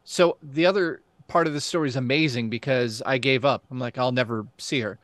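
A man hosting a casual podcast, telling a story excitedly. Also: medium pitch, fairly quick, no echo.

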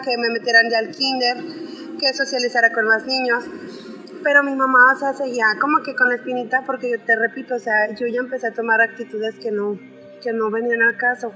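Woman, fairly high and crisp voice, chatty storytelling, faint music underneath. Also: fairly even intonation, fairly quick, pushed and bright, rough recording. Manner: conversational, with frequent fillers and restarts. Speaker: storyteller sharing a personal experience. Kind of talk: casual spoken storytelling.

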